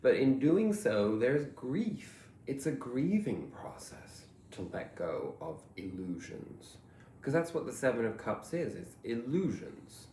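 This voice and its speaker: A man giving a reflective tarot reading, musing and meandering, often trailing off softly. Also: mid-range voice, very animated, slow, a little hiss or hum. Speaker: tarot reader. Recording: roomy echo, faint ambience.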